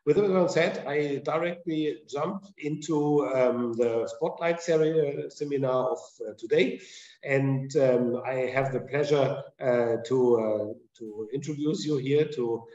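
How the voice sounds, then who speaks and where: Man, webinar moderator, halting delivery, mellow tone, dull lo-fi call audio. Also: medium pitch, reverberant. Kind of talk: introducing speakers at an online seminar. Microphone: video call.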